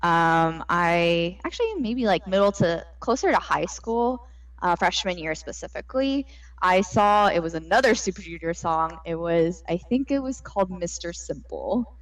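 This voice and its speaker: Animated American woman telling a story. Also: lowish voice, moderate pace, low-quality recording. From United States. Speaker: podcast co-host. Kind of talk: casual chat.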